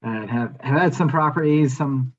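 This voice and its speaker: A polite male caller who invests in property speaks at a middle pitch, his words coming out halting. His voice comes through muffled, lo-fi call audio. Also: a little hiss or hum.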